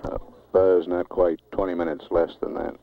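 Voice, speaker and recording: A man giving deliberate, matter-of-fact mission status commentary as a public affairs announcer. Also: low-pitched, level tone, vocal fry. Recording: dull 1960s broadcast with faint hiss.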